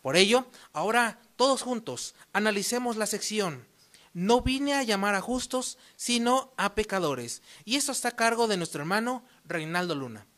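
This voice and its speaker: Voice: mid-range voice, animated, moderate pace, a bit bright. Formal chairman leading a congregation meeting. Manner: formal, announcing speakers and songs.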